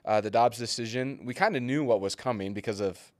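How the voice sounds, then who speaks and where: A man's voice: medium pitch, brisk, no echo, studio quality. A man in his forties, a pastor co-hosting a podcast, telling stories casually with fillers and laughs. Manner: storytelling, relaxed with frequent fillers and laughs.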